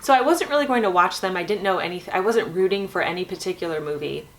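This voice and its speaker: A woman host chatting casually in a vlog, keeping her voice quiet at night as if someone is asleep nearby. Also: fast talker. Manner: keeping voice low at night so as not to wake a sleeping baby.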